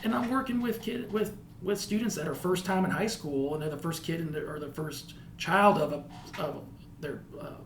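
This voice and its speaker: A slightly high-voiced American man in his thirties talks at a moderate pace in a podcast interview about being a school principal. His manner is thoughtful, with frequent rephrasing, and the recording is echoey with faint background noise.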